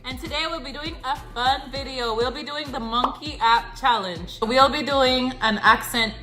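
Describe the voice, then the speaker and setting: A woman's voice: high voice, normal speed, bright, forceful tone, soft background music. A woman hosting a vlog, playful and upbeat in casual chat. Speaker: vlogger host.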